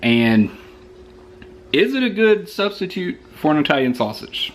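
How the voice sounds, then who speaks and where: A man's voice: a little high, very animated, a little slow. Chatty Southern man reviewing food. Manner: chatty, rambling, joking.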